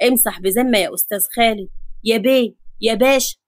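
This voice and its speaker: A woman's voice: a little high, quick pace, dry recording, clean studio sound, lightly acted. A woman with an Egyptian accent voicing a cheeky, sarcastic young grandson. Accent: Egyptian Arabic. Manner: sarcastic, teasing.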